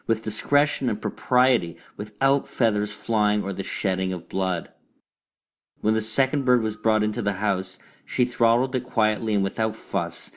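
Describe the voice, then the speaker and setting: A man reading a short fable aloud in a measured, deliberate storytelling manner. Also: on the low side. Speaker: reader. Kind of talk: storybook narration.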